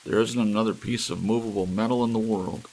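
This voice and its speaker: A man reads as an earnest, excitable druggist in a sci-fi audiobook. The voice is deep and gravelly, given to exclamations as he fights despair, with a clear hiss and rain behind it. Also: a little fast, close to an everyday voice, low-quality recording. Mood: dejected.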